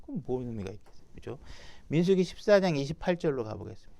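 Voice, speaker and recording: A pastor preaches a sermon conversationally, putting rhetorical questions to his congregation, reading scripture aloud and then acting out its speakers. His medium-pitched voice is warm and sing-song, quick-paced, with vocal fry.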